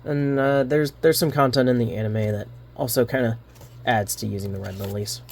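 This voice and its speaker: Rambling, halting man unboxing cards. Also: medium pitch, steady tone, gravelly. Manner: rambling, halting, many fillers and restarts. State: a little winded. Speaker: card unboxing channel host. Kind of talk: casual unboxing commentary.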